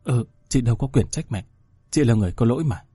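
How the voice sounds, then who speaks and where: A man voicing a soft-spoken, tearful young woman in a read-aloud story. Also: medium pitch, fairly quick, husky, no room sound, studio quality, natural voice. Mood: gentle.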